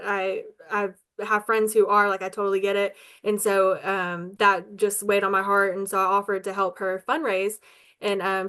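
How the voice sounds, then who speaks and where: Earnest, smooth-voiced woman interviewee. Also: mid-range voice, fairly bright tone. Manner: earnest, chatty, many ums and likes. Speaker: local advocate interviewed as guest. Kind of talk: casual interview answers.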